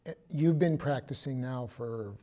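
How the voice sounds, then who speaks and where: A man's voice: medium pitch, measured pace, dark tone. A man hosting a local public access interview, asking his guest conversational, prompting questions. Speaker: host.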